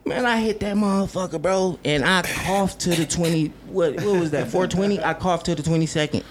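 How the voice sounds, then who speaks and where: High-voiced man telling slangy, rambling stories. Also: a little fast, crowd noise. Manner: animated storytelling with repeated words and slang. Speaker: music artist being interviewed. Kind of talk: casual, rambling slang-heavy chat.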